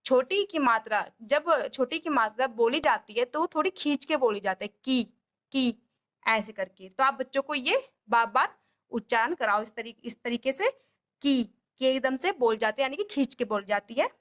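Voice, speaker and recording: Woman teacher, high voice, patient and repetitive, draws out each syllable. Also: lively intonation, a bit bright. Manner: patient, repeats sounds slowly and drawn out. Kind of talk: explaining a lesson to parents.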